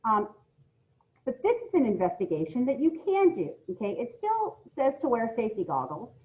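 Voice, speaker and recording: This schoolteacher's voice sits on the high side, with a darkish tone and pitch that swoops wildly, though her speed is normal. She reads a science lesson aloud with emphatic instruction and frequent asides quizzing her young listeners, and the audio is dull and lo-fi.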